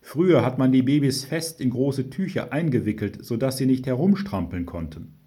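A man's voice: mid-range voice, expressive, moderate pace, dark tone, voice pushed up, lightly acted. A man voicing a patient mother who explains the nativity story to unruly children. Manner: patient explaining, tired sighs.

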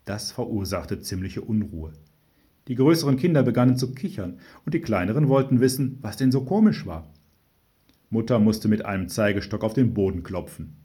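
A man narrating a story in a calm reading voice, with dry humor. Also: on the low side, moderate pace. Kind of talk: scripted narration.

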